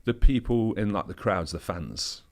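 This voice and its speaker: A man's voice: fairly low pitch, measured pace, darkish tone. A man, a pro bodybuilder guest, telling easygoing anecdotes in a casual interview chat, loose with fillers.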